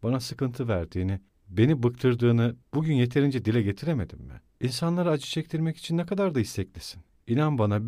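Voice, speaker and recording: A man voicing a feverish, embittered young man in an audiobook, speaking in a low, measured, resentful way. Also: warm tone, dry recording, studio quality, natural voice. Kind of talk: audiobook character reading.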